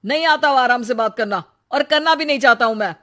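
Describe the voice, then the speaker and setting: A woman voicing a young married man in a cartoon, a son and husband with a quick temper. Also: mid-range voice, lightly acted. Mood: angry.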